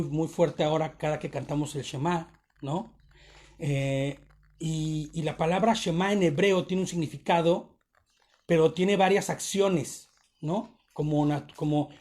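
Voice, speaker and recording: A man's voice: fairly high pitch, a little mellow. A man giving a conversational sermon on a Torah portion to his congregation, often checking in with short tag questions. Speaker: congregation teacher.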